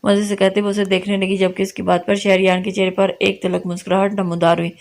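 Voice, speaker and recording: Steady woman narrator, flat melody, novel reading. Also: mid-range voice, fast, creaky. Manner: steady, monotone with frequent restarts. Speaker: audiobook narrator.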